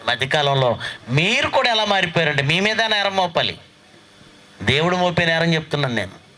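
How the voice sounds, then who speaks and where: A man's voice: on the high side, sharp tone, low-quality recording. A man, a pastor preaching a sermon, who presses his listeners with scolding rhetorical questions.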